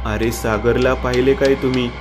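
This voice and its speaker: A man voicing a calm young man in a horror story who reassures his friends and calls after a missing one. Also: mid-range voice, moderate pace, over music, natural voice. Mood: calling out.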